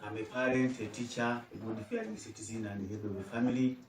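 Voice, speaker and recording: A man, a head teacher answering interview questions in measured, formal phrasing. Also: medium pitch, fairly even intonation, crowd noise. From Uganda. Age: 50s. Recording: echoey room, mic at a distance.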